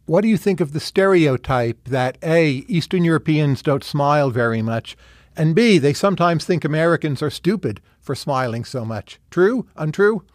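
A man hosts an interview show, setting up each question with his own observations before asking it. His voice sits a little high for a man. The recording is very dry, with no room sound. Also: lively intonation, moderate pace, darkish tone, no room sound. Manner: curious, probing, lays out observations before asking. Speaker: podcast host.

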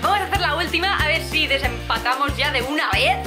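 A woman in her twenties with a Spanish accent from Spain, chatting excitably and casually as host of a challenge video. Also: sits high, quick pace. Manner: excitable, giggly. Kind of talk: casual challenge vlog chat. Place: small room indoors. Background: music.

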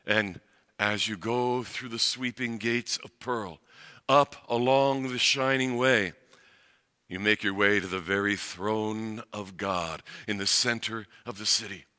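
A man's voice: lowish voice, slow, pushed and bright. A man preaching a sermon as a pastor, with a swelling, lyrical cadence, then leading a prayer. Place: church sanctuary. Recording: long church hall reverb.

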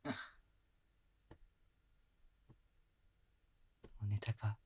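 A voice actor plays a gentle, doting young boyfriend lulling his sleepy partner in an ASMR bedtime audio drama, speaking softly, breathily and tenderly, often dropping to a fond whisper as he soothes and coaxes. His voice is close to an everyday one and quick-paced, captured on a close binaural mic with a little hiss or hum.

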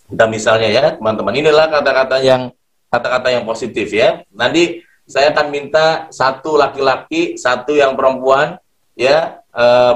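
A man leading an online motivation class for schoolchildren, coaxing and energetic, leaning on the same phrases again and again. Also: medium pitch. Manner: energetic, coaxing, repeats "ya" and "luar biasa". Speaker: motivational trainer.

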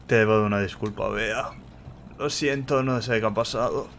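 A man from voicing a drunk, weepy young female cat, talking in a slurred, wobbly, drawn-out way. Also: lowish voice, fairly even intonation, creaky, fairly bright tone, a little hiss or hum. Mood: drunk pleading.

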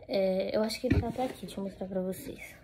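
A young woman with a Brazilian Portuguese accent talks straight to the camera from her home. Her voice sits at a middle pitch. She rambles along in a relaxed, casual way, full of fillers and restarts. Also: quick pace, noisy background. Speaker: vlogger.

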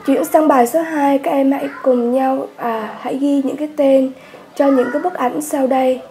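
A Vietnamese woman walks students through an English workbook in a high, mellow voice. She speaks patiently and says words over slowly for her class. A faint noise sits behind her. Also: fairly even intonation. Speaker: English teacher. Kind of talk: workbook lesson walkthrough.

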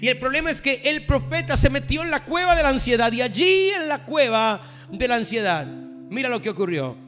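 Pastor, male, very high voice, forceful bright tone, impassioned sermon over faint music. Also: sing-song, a little fast. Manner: preaching with rising, declaiming intensity. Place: livestreamed from a church or studio.

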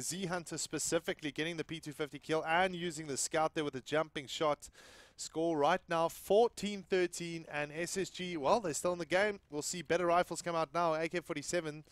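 Male esports play-by-play caster, fairly high voice, excitable, from South Africa. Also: no room sound. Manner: excitable, builds up loudly on big plays. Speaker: esports commentator. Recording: low-quality stream audio.

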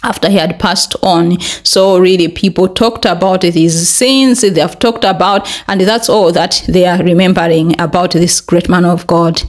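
A young woman from Malawi talking earnestly to camera in a small bright room, with many fillers, her pitch rising when she presses a point. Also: fairly even intonation, moderate pace, few pauses. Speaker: vlogger. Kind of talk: casual commentary to camera. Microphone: desk podcast mic in front.

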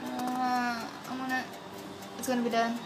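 A woman's voice: fairly high pitch, completely flat delivery, unhurried, loud music behind the voice. A young woman chatting casually while cooking and filming in a small home kitchen at night, teasing her friend about how she cuts the food. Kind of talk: casual chat. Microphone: handheld phone camera. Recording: noisy kitchen with sizzling pan.

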